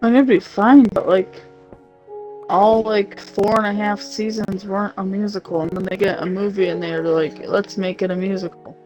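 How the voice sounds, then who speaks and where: Relaxed chatty woman gaming on stream. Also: medium pitch, moderate pace, soft background music, poor audio. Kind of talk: casual chat while gaming.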